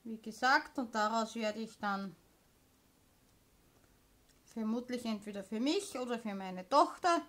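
A woman's voice: fairly high pitch, a little slow, long pauses, a bit bright. A woman chatting casually as a vlogger, showing purchases in an informal, explanatory manner. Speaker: craft haul vlogger.

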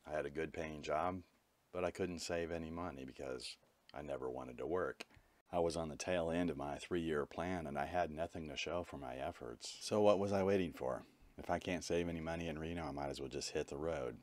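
A man's voice: a bass voice, brisk, darkish tone. A man narrating his own travel vlog as a voice-over, telling his story in a candid, matter-of-fact way. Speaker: vlogger.

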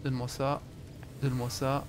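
A man's voice: medium pitch, little pitch movement, moderate pace, noisy background. A man giving casual gaming commentary, muttering to himself and swearing offhandedly. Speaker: let's play host.

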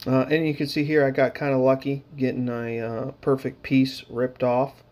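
A man's voice: mid-range voice, little pitch movement, moderate pace, darkish tone. A man casually narrating his hobby painting footage, rambling with lots of fillers and dry, sarcastic humor.

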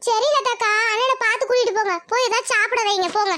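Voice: very high voice, steady tone, pushed and bright, dry recording, studio quality. A performer voicing an outspoken village neighbor woman who urges the father home, in a cartoon. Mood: persuasive. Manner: brisk, persuasive.

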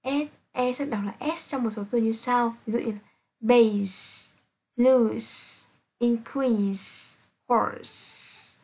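A woman teaching an English pronunciation lesson, reading out sounds and example words slowly and carefully to her students. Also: fairly high pitch, darkish tone, breathy edge. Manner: slow, careful, spelling out sounds one by one.

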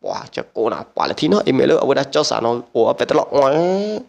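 A man telling a traditional story aloud in an unhurried, steady way. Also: mid-range voice, vocal fry. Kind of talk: oral folk storytelling.

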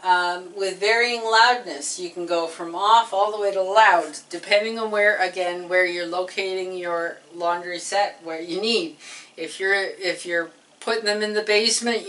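A middle-aged woman walking viewers through her washer and dryer at home, unhurried and plainspoken with frequent ums. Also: medium pitch. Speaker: home appliance reviewer. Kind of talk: casual product walkthrough. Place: home laundry room. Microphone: camera across the room. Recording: distant camera mic with loud hum.

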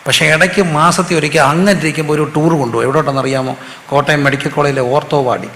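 Man, pastor, sermon, call-and-response, gravelly, echoey church hall. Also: a little high, steady tone, fast talker, fairly bright tone, slight background noise. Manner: call-and-response preaching, asks the audience to repeat answers; storytelling with humor. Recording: echoey hall with faint ambience.

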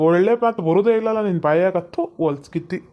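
A woman's voice: lowish voice, fast talker, muffled recording, heavy background noise, close to an everyday voice. A woman playing a short-tempered young husband in a comic family skit, with a North Karnataka Kannada accent and snappy, exasperated scolding.

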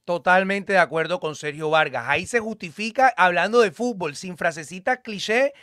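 A man's voice: high-pitched, animated, normal speed, a bit bright, dry recording, studio quality. A man on a sports radio panel, sarcastically mocking another panelist and repeating his jabs. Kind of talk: heated radio sports debate.

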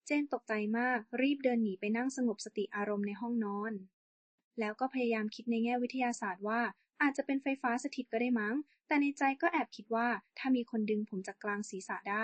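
A woman's voice: on the high side, no echo. A young adult woman hosting a storytelling channel, narrating a ghost story in a chatty, polite, dramatic way.

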